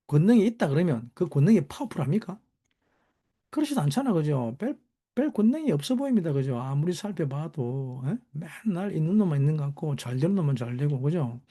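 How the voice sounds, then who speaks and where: A man preaching with a dark, mellow voice whose pitch swings widely, leaping up to stress a point. He keeps firing rhetorical questions at his listeners and checking in with them as a Bible teacher. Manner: rhetorical, constantly asking the audience "right?"; animated, sudden pitch jumps for emphasis. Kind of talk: sermon.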